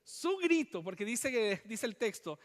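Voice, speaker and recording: Male pastor, very high pitch, impassioned emphatic sermon, long hall echo. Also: sing-song, measured pace. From Chile. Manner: impassioned, emphatic preaching with repetitions. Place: church.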